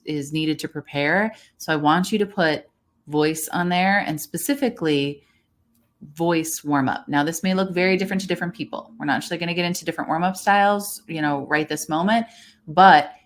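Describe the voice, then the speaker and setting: A middle-aged voice coach with a deep voice offers advice to listeners during a podcast conversation. Her manner stays measured and encouraging throughout.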